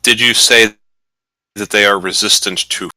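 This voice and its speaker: A man playing a tabletop game over an online call, his audio choppy and cutting out as he haltingly asks for something to be repeated. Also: lowish voice, steady tone, bright, forceful tone, slight background noise, rough recording. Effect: choppy audio that keeps cutting out on an online call. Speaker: player.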